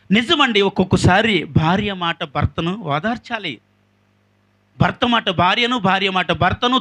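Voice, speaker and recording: A pastor preaching an emphatic sermon, swinging between loud outbursts and hushed passages and calling on the congregation. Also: male voice, sits high. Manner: asks the congregation questions.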